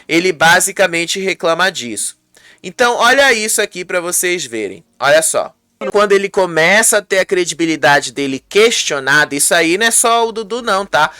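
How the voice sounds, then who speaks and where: An entertainment journalist from Brazil recapping reality show drama in a chatty way, acting out the quotes and tagging lines with quick asides. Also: medium pitch, animated, bright, forceful tone, clean tone, no room sound, clean studio sound. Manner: retells dialogue, acting out the quotes; conversational, tags lines with "tá?".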